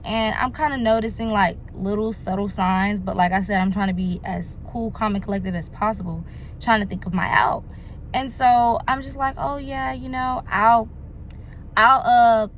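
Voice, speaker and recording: A young woman vlogger telling a storytime monologue in a chatty, animated way, talking straight to her viewers. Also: medium pitch, a little hiss or hum, rough recording.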